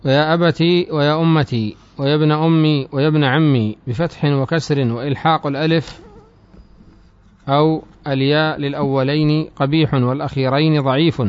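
A man with a fairly high voice teaches a classical grammar lesson, reading the text slowly and deliberately. He then explains it in quicker, quieter asides and puts questions to his students. The recording is dry and close, with a dull, lo-fi sound. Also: fairly even intonation, smooth, no echo.

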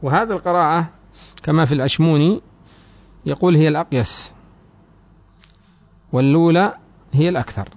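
A man teaching a classical Arabic grammar lesson. He reads the text slowly and deliberately, then explains it more quickly and quietly, asking his students questions. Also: fairly high pitch, dry recording. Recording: dry, dull lo-fi recording.

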